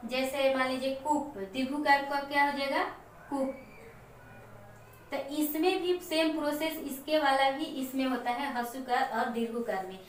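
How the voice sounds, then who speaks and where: A woman teacher explaining a Hindi lesson to children slowly and step by step, with example words. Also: high-pitched. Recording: echoey room, mic far off, faint noise.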